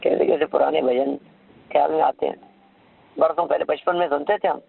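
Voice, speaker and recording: A man giving a devotional discourse, slowly chanting verses and then explaining them in a conversational way, asking listeners rhetorical questions. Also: a little high, steady tone, creaky, husky, narrow, tinny audio. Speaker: religious lecturer.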